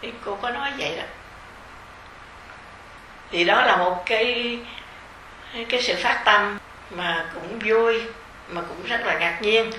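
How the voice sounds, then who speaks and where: A middle-aged woman with a Southern Vietnamese accent gives a dharma talk to her retreat group. She speaks slowly and gently, with a bright, clear tone and the easy fillers of someone talking rather than reading. Her voice rings in an echoey hall with faint ambience behind it. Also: mid-range voice, slight background noise. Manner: gentle, unhurried, conversational with soft fillers. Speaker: meditation teacher leading a retreat.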